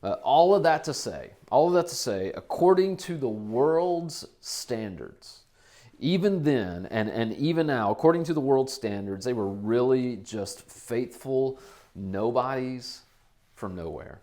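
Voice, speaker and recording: A man's voice: medium pitch, animated, unhurried, mellow. Pastor in his forties preaching. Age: 40s. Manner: conversational, repeats phrases for emphasis. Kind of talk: sermon. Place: church.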